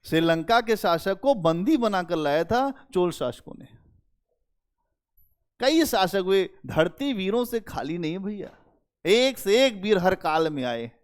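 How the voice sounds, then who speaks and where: A male history teacher giving a lively, conversational classroom lecture and talking straight to his students. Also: high-pitched, smooth. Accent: Hindi-speaking North Indian. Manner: animated, conversational, addresses students directly.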